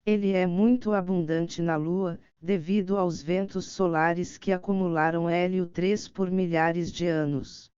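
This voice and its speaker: A woman narrates formal, encyclopedic text with a measured delivery. Her voice is on the low side and very smooth and crisp. The sound is dry, with a slightly dull, lo-fi finish. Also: fairly even intonation, a little mellow, no echo. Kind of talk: scripted audiobook narration of an encyclopedic article.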